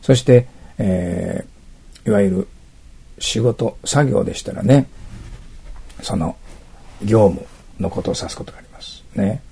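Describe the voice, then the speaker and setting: A man teaching English in a test-prep lesson, explaining each answer step by step, often checking that listeners follow, and reading test sentences slowly. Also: on the low side, creaky, mellow, husky.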